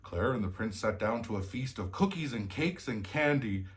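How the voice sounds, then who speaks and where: A man's voice: on the low side, animated, a little hiss or hum, close to an everyday voice. A man playing a jolly old Santa Claus, telling children's stories in a hearty, theatrical manner. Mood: storytelling wonder. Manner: slow, hearty, theatrical delivery. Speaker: storyteller host. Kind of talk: cheerful children's storybook reading.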